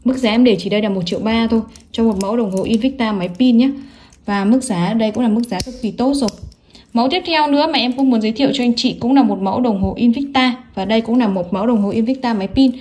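Fast-talking saleswoman pitching products, fairly high voice. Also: a little mellow. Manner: salesy, repeatedly emphatic praise of products and prices. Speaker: online watch seller presenting products. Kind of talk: sales product showcase, listing specs and prices.

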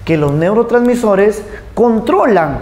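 A man's voice: sits high, lively intonation, measured pace, darkish tone, echoey room. A man teaching an anatomy class, joking, quizzing his students and acting out cries and gasps. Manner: playful, jokey, asks the class questions and acts out sounds. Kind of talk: lively class lecture.

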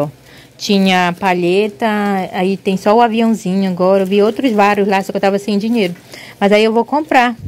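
A woman from Belém with a Paraense accent, chatting casually to her viewers in a home vlog, lively and quick to exclaim, filmed on a handheld phone around her yard and rooftop. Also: medium pitch, a little hiss or hum. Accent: Paraense Brazilian Portuguese. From Belém, Pará, Brazil. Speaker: vlogger.

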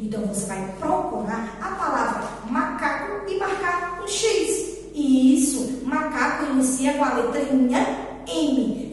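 A woman's voice: sits high, far from the mic. A Brazilian woman teaching preschoolers in a coaxing, sing-song manner, asking questions and answering them herself. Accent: Brazilian Portuguese. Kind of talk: recorded remote lesson for young children. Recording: echoey room, voice from off-mic.

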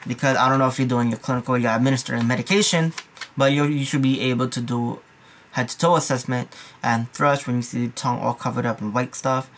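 A man's voice: mid-range voice, fairly even intonation, quick pace, slight background noise. A young man and nursing student giving a casual, rambling exam review, full of slang and repeated asides. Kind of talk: casual study review vlog.

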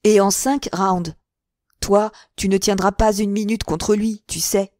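A woman voicing a calm young gang leader who talks a rival down in a soothing, deliberate way. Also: medium pitch, no room sound, clean studio sound, close to an everyday voice. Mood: conciliatory.

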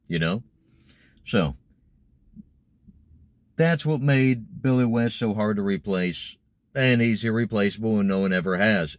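A young man with a lowish voice talks casually to the camera from a parked car, vlogging and explaining things about voice acting. The recording is dry.

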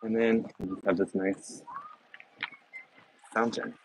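A man's voice: on the low side, flat delivery, takes it slowly, a little mellow, breathy edge, low-quality recording. A rambling, chatty man on a walk. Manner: rambling and chatty, with many fillers and restarts. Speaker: walking tour vlogger. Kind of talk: casual walking-tour narration. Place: outdoors on city streets and in a garden. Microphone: handheld phone camera, speaker off screen.

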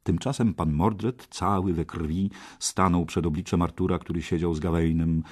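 Husky low-voiced male audiobook reader. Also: steady tone, moderate pace. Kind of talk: scripted narration.

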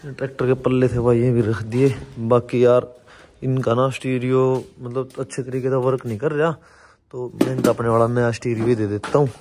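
A man's voice: medium pitch, little pitch movement, fairly quick, a little mellow, a little hiss or hum. A young man, talking chattily to viewers as he vlogs outdoors on a phone held at arm's length. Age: young adult. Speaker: vlogger. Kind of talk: casual vlog narration. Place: outdoors at a farmyard and street.

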